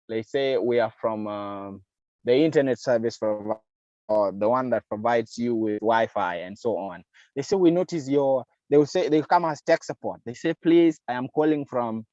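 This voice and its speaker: A man's voice: medium pitch, darkish tone, dry recording, dull audio. A man giving an online masterclass lecture on digital security, explaining step by step with frequent fillers and acting out lines that a scammer might say. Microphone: video call.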